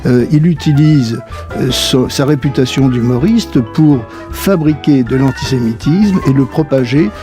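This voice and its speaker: A man making a serious, measured statement in a broadcast clip. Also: medium pitch. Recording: speech over loud music.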